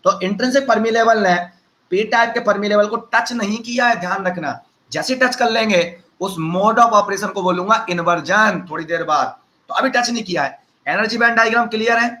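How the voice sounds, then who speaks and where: A man with a high, bright voice leads a physics lecture, joking with his students and calling them son and brother. He talks casually, firing off questions and answering them himself. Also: rough recording. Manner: teasing, conversational, addresses students as beta and bhaiya. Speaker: teacher.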